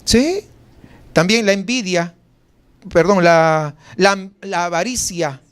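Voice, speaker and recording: A pastor with a Mexican Spanish accent delivers a sermon in a notably high voice. He talks conversationally, firing off rhetorical questions and rising sharply for emphasis. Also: takes it slowly, clean tone.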